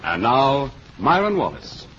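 A man's voice: mid-range voice, wildly swooping pitch, unhurried, heavy background noise. A man acting as an old-time radio announcer, formally and theatrically presenting a play from a script. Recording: dull vintage radio recording, loud music.

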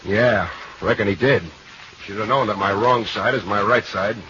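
A noisy, muffled vintage radio recording. a hardboiled private eye with a lowish voice, dry and sardonic, never rattled, in 1940s detective drama style. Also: male voice, fairly even intonation, normal speed, sharp tone. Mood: wry. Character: wisecracking, unflappable hardboiled private investigator.

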